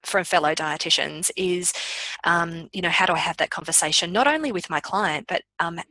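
A woman's voice: lowish voice, normal speed, bright, forceful tone, no echo, low-quality recording. An Australian woman interviewing a colleague, chatting with eager, enthusiastic interjections. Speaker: interviewer, dietitian. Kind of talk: casual interview chat.

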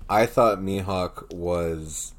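A man with a notably deep, low voice chats casually as a podcast co-host. He rambles, restarts his sentences and stumbles over names, and his thoughts come out in loose, winding runs. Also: drawn-out words. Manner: rambling and self-correcting, admits being bad with names. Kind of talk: casual chat.

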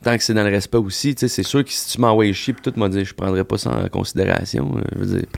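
A country singer from Quebec, speaking with a Québécois French accent, chats casually as a podcast guest in a relaxed, slangy style packed with fillers and the occasional swear word. His voice is fairly low, fast and gravelly.

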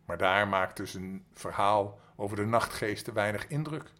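An older man reading a bedtime story aloud to his grandchildren in a lively manner. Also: lowish voice, a little slow.

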